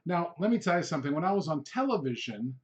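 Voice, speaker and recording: A Hungarian-born man with a fairly high, very animated voice hosts a solo podcast as a real estate coach, talking fast. His coaching talk is loose and rambling, full of "um" and "all right?" checks, and the recording is dull and lo-fi.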